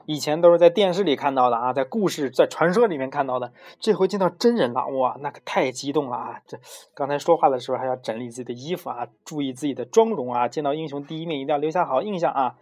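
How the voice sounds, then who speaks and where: A man's voice: medium pitch, fast talker, few pauses, darkish tone. A man retelling a myth in a chatty, digressive way, often adding tag questions. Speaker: storyteller. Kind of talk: casual myth storytelling.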